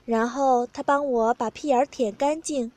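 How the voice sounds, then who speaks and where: High-voiced woman reading a story. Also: normal speed, dry recording. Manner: plain, steady first-person telling. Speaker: narrator.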